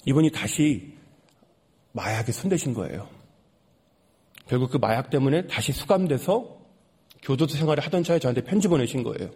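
A young man giving an earnest sermon testimony, repeating lines for emphasis and dropping soft at sad moments. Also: medium pitch, expressive, normal speed, pauses often, breathy edge.

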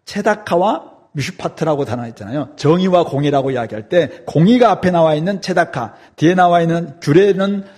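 A man's voice: a little high, animated, brisk, hardly any pauses, darkish tone, husky. A man preaching an expository sermon, emphatic and dramatic, asking rhetorical questions. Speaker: pastor.

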